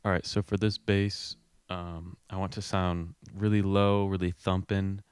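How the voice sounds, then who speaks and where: A young man in his 20s with a very deep, even-toned voice speaks a little slowly, hosting a home recording video as a musician. His casual, explanatory vlog talk is captured by a close handheld or stand microphone in a small home studio, sounding clean and studio-quality with no echo.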